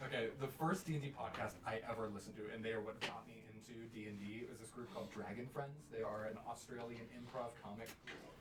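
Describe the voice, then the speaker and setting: A man's voice: on the low side, quick pace, few pauses, far from the mic, noisy background. A man running a tabletop game as dungeon master, chatty and laughing often. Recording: roomy, off-mic.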